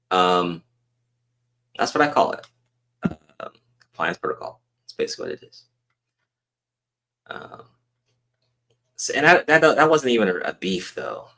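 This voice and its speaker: A man's voice: fairly low pitch, sing-song, a little slow, long pauses, bright, forceful tone. A man hosting a live-stream panel in casual chat, laid-back and full of "um" fillers.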